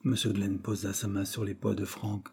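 Mellow, husky male audiobook narrator. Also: fairly low pitch, little pitch movement, brisk. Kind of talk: scripted narration.

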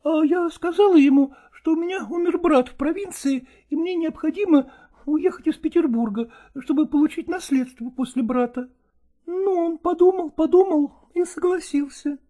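A male audiobook reader voicing an impulsive, eager young actress who talks in excited, pleading exclamations. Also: extremely high pitch, moderate pace, pitched above the performer's own voice. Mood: pleading, lively.

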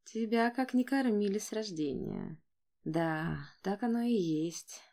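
Woman reading a quiet aristocrat mage, low voice, mild and teasing. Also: a little slow, natural voice. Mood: calm, gently teasing. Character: calm, soft-spoken male viscount and mind-mage.

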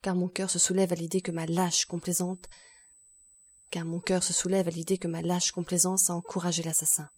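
A woman voicing a stern, remorseful doctor who speaks loudly and forcefully. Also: on the low side, level tone, a little fast, slightly rough. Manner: forceful, loud.

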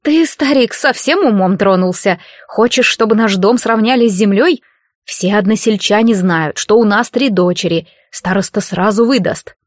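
A woman's voice: medium pitch, moderate pace, dry recording, studio quality, natural voice. A woman voicing a stern peasant mother. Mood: scornful. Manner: sharp, commanding, harsh.

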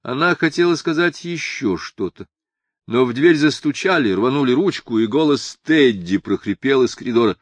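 A man narrating an audiobook in a measured, expressive storytelling manner. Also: medium pitch, no echo. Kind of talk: scripted literary narration.

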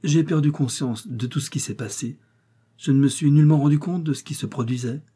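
A man's voice: fairly high pitch, a little fast, dark tone, husky, voice pushed up. A man voicing a frail young woman recovering in bed, in an audiobook reading. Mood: weak. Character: weak young woman, shipwreck survivor.

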